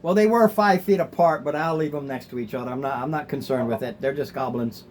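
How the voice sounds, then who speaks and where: A man's voice: medium pitch, fast, a little mellow. A man running a tabletop game as game master, casual and chuckling, thinking aloud.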